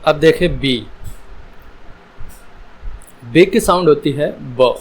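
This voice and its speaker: A man teaching an English pronunciation lesson, drawing out each letter sound slowly. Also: fairly high pitch, poor audio. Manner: slow, drawn-out sounding of letters. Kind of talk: slow spoken English lesson.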